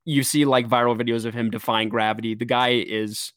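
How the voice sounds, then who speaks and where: An excitable man hosting a laid-back sports podcast, mid-pitched and quick to joke. His voice is recorded dry and close, with almost no room sound around it. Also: dry recording. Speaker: podcast host. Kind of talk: casual sports chat.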